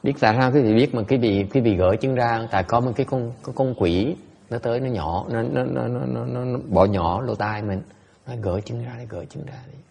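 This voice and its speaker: A middle-aged man giving a relaxed bilingual Buddhist dharma talk to his students, often repeating words and laughing. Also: mid-range voice, a little fast, gravelly. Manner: repeats his words, laughs, switches between two languages. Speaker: Buddhist teacher.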